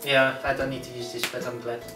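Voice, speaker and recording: A man's voice: mid-range voice, monotone, fast talker, bright, forceful tone, echoey room, recorded from a distance, soft background music. A man learning Polish words in a casual vlog chat, joking around and playfully exasperated. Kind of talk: casual language-exchange chat.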